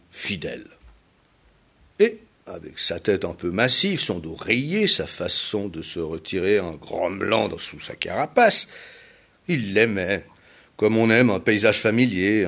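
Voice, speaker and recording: A man reading a children's fable aloud in slow, expressive storybook narration. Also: on the low side.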